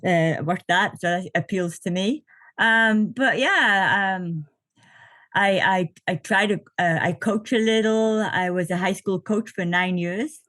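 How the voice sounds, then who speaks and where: A woman's voice: mid-range voice, a little slow, fairly bright tone, no room sound. Chatty woman in her fifties, dry sound. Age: 50s. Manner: chatty, laughing, with many fillers. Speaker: podcast guest, ultra triathlete. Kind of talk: casual interview chat.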